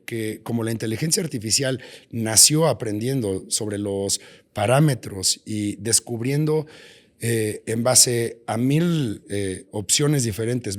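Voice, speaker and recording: A man hosting a podcast conversation, explaining things at length with hesitant fillers. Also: mid-range voice. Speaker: podcast host.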